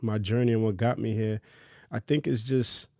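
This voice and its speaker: A man in his thirties from Trinidad, a fashion designer telling his story in a relaxed, candid, slangy podcast chat. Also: on the low side, normal speed, no echo, clean studio sound. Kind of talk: casual interview chat.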